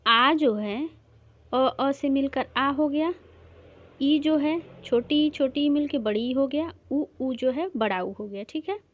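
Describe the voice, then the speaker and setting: A woman's voice: high-pitched, takes it slowly, narrow, tinny audio. A woman teacher giving an exam-prep grammar lesson, explaining step by step and drawing out vowel sounds as she goes. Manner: explains step by step, stretching out vowel sounds, often checks with "theek hai".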